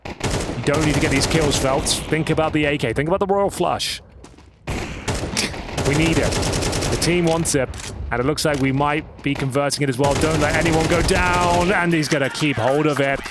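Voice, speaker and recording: Clicks and in-game gunfire fill a very noisy recording as a man casts an esports match live. His voice is on the high side at normal speed, and his commentary is chatty and playful, full of invented pet terms.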